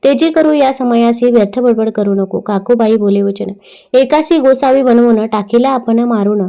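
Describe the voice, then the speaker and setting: A woman reads devotional scripture aloud in a steady, recited verse cadence. Her voice sits fairly high but sounds mellow and warm. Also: normal speed, gravelly. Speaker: scripture reader.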